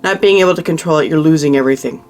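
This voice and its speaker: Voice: mid-range voice, racing, darkish tone. A tarot reader giving a monthly reading to the viewer, thinking aloud over the cards in a consoling, emotional way, with frequent restarts. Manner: frequent restarts and trailing-off phrases.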